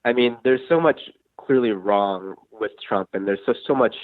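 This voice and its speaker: A man with a fairly low voice comes through as a radio show caller. His call sounds thin and tinny, like a phone line with almost no room sound. He talks casually and hesitantly, leaning on "um" and "like" as he works toward his question. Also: moderate pace, no room sound. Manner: hesitant, filler-heavy phrasing with many "um" and "like". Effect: radio show caller heard over a phone line.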